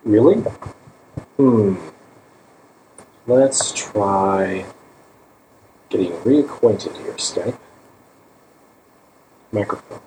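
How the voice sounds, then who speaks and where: A man's voice: on the low side, extremely slow, pauses often, mellow. A man testing a distant, noisy headset microphone on an internet call, talking hesitantly as a podcast co-host. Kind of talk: casual chat.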